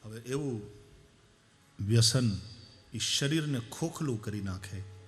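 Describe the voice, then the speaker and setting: Slow and medium-pitched, a man preaches a devotional sermon over a faint hiss or hum. He brings anecdotes to life with animation, acting out the voices he quotes and breaking into song for verses.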